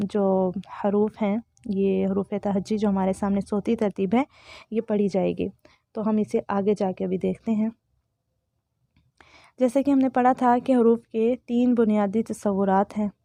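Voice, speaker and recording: A woman's voice: medium pitch, dark tone, no echo. A woman with a Pakistani Urdu accent giving an online lesson, patiently explaining Arabic letters and voicing each letter sound aloud. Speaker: Quran recitation teacher.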